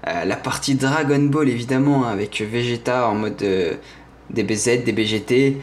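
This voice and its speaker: With a little hiss or hum on the recording, a gaming streamer with a French accent shows off his setup at a moderate pace in a medium-pitched voice. The young man's tour of his gaming room rambles, full of hesitations and self-corrections, as he jokes playfully and enthusiastically about his collectibles.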